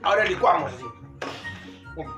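A man's voice: high-pitched, expressive, brisk, over loud music. A man with a Peruvian accent hosting a playful, jokey mock cooking show from his home kitchen. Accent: Peruvian Spanish. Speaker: comedic vlogger.

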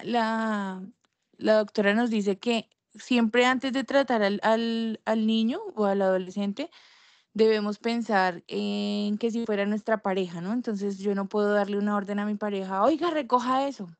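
A woman's voice: medium pitch, little pitch movement, unhurried, no echo. A woman taking part in an online workshop, speaking hesitantly and repeating words while she finds them. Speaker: workshop participant. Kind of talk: sharing a comment in an online workshop. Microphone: video call.

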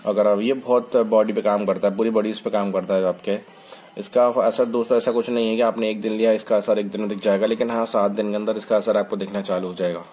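Handling a bottle at a table indoors, a man with a fairly low, darkish voice chats to camera for a product review vlog recorded on his phone. His speech is casual and hesitant, full of fillers and restarts, with English words mixed in. There's slight background noise.

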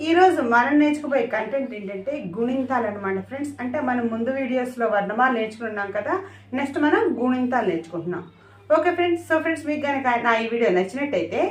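High-voiced woman teaching patiently. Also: a bit bright, echoey room. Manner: patient, repetitive explaining while writing. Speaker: Hindi teacher. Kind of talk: spoken language lesson.

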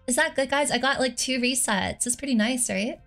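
A woman streamer chatting casually while she plays a game, playful, cutesy and quick to apologize. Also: high-pitched, gravelly, a bit bright, faint music behind. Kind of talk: casual gaming livestream chat.

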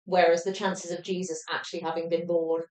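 A woman's voice: fairly low pitch, level tone, fairly quick, a little mellow. A woman hosting a casual quiz on a livestream, giggly and chatty, explaining at length. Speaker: quizmaster on a livestream. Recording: roomy echo.

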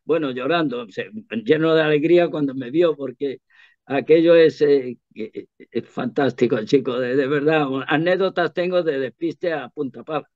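Man with a higher voice, chatty storyteller. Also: normal speed, dry recording, phone-quality sound. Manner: animated, rambling, many restarts. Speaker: interview guest, performer. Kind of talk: casual anecdotal storytelling. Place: radio studio.

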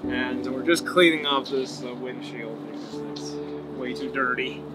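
A man in his thirties records a casual travel vlog of an electric car road trip, speaking to camera at highway rest stops and charging stations. He's unhurried, relaxed and matter-of-fact, often saying "uh," while loud music plays behind him. The camera mic captures him from close to mid range, with clear outdoor background noise.

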